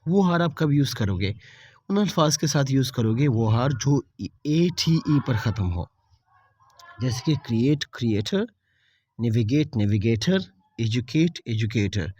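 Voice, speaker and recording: A man's voice: medium pitch, no echo. Man patiently teaching English spelling rules. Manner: steady explanatory pace, slowing to spell words out letter by letter. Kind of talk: explaining spelling rules to learners.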